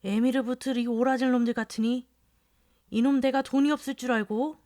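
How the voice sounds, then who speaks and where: A woman voicing a crude, drunken middle-aged male rickshaw puller in a storybook reading, shouting and cursing. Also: on the high side, moderate pace, no room sound, studio quality, lightly acted. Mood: rowdy drunk.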